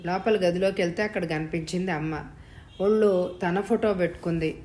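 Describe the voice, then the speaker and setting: A woman narrating a novel episode in a calm, even storytelling manner. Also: fairly low pitch, normal speed. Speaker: audiobook narrator. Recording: roomy echo.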